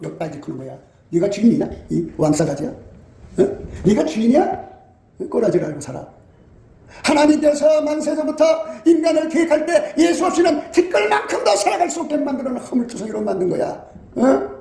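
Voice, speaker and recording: A man's voice: very high-pitched, animated, fairly quick, gravelly, dark tone, reverberant. A man preaching a sermon in an emphatic, scolding way, acting out quotes as he goes. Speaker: pastor.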